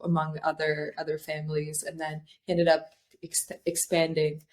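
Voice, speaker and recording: A woman's voice: low voice, completely flat delivery, moderate pace, a little mellow. A young woman from Albania, a founder, talking thoughtfully in a podcast interview with many fillers and restarts. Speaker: guest, startup founder.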